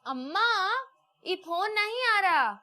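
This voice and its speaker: Brief: anxious married daughter, high voice. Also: female voice, expressive, takes it slowly, bright, forceful tone, full character voice. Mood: earnest. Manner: earnest, pleading. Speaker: actor.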